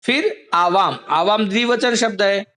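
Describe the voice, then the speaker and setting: Slow, high-voiced male teacher. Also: bright, forceful tone. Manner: patient, step-by-step explaining. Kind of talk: online class lesson.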